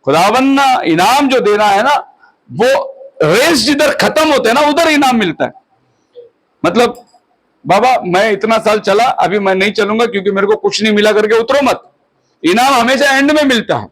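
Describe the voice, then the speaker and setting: A man in his fifties, a pastor, preaching at a house prayer meeting, exhorting his listeners and slowing down on English phrases. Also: sits high, expressive, fairly bright tone, rough recording. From India. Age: 50s. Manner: exhorting, mixes English phrases and slows on them.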